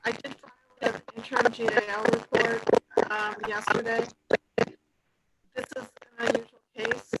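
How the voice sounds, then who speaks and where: A woman's voice: on the high side, flat delivery. A woman attorney giving a formal status report to a judge over a remote call, her voice garbled as if underwater. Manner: formal, measured, addresses the judge. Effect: garbled underwater-sounding connection. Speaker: guardian ad litem attorney. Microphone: remote video call. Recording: loud noisy garbled remote call line.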